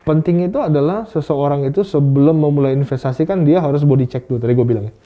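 Dull audio captures a slightly high-voiced man talking at a quick pace. He's a guest expert on stock market investing in a casual interview, explaining through rhetorical questions and examples.

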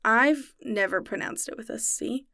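A woman's voice: on the high side, measured pace, vocal fry, bright, forceful tone, no echo, studio quality. A young woman co-hosting a casual podcast, explaining insect biology in detail with a chatty, knowledgeable manner. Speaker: podcast co-host explaining science. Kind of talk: casual chat.

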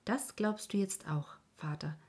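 A woman voicing an eager, wonder-struck little orphan girl who speaks softly and earnestly, in a storybook reading. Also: medium pitch, animated, measured pace, slightly rough.

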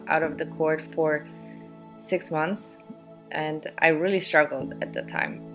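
A young woman hosts her own podcast. Her voice sits low and stays flat, and she talks in an earnest, halting way with many small pauses. Soft music plays faintly behind her. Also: creaky. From Poland. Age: 20s. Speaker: podcast host. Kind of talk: personal talk to listeners.

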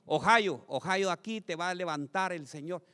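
A man preaching a lively sermon to his congregation as pastor, swinging from loud calls to quiet asides and asking the crowd questions. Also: sits high, normal speed, clear, resonant tone. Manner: addresses congregation as brothers, asks questions.

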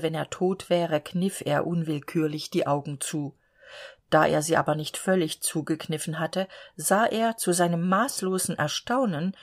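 A woman reading a grotesque short story aloud in a measured, unhurried manner. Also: on the low side. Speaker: audiobook reader.

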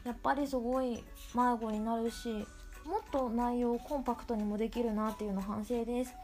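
High, cute anime-girl voice, casual podcasting woman. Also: fairly even intonation, a little fast, dark tone, soft background music. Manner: rambling, self-deprecating, playful. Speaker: solo podcast host. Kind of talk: casual solo podcast talk.

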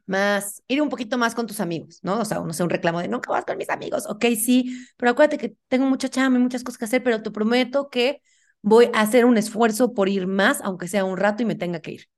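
A young woman with a Mexican accent, chatting frankly and acting out quoted lines as a guest in a casual talk. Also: fairly high pitch. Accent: Mexican Spanish. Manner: animated, acts out quoted dialogue, frank and slangy. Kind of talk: casual chat.

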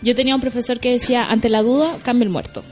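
A woman's voice: a little high, fairly even intonation, quick pace, a little mellow, faint music behind. A Chilean woman co-hosting a radio show, chiming in and agreeing in casual chat. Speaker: radio co-host.

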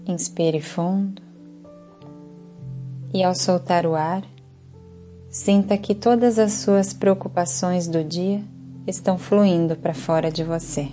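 A woman with a mid-range voice and a Brazilian Portuguese accent serves as instructor for a guided yoga nidra relaxation. She speaks slowly, calmly, and soothingly.

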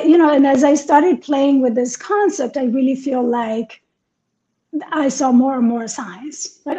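A woman's voice: high voice, dark tone. A woman raised in Italy, co-hosting a casual talk show and speaking earnestly and reflectively. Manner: earnest, reflective, laughs easily. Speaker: co-host, life coach. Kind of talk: casual podcast chat. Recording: dull lo-fi sound.

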